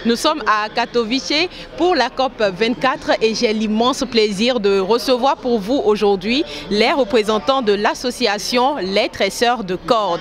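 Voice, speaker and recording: A woman hosting a web TV show, doing a friendly on-site interview with a few hesitations. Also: fairly high pitch. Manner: friendly questioning, some hesitations. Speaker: web TV host.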